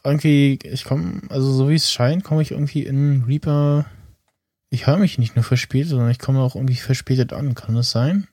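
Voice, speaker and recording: A man's voice: medium pitch, steady tone, a little fast, darkish tone, no echo, clean studio sound. A man co-hosting a casual podcast, talking hesitantly with many fillers and frequent laughs. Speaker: podcast co-host.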